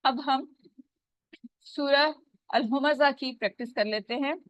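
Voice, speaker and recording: Slow patient woman teaching recitation. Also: sits high, no echo. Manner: patient, explains rules step by step; drawn-out recitation of Arabic words. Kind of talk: online tajweed lesson. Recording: dull dry lo-fi recording.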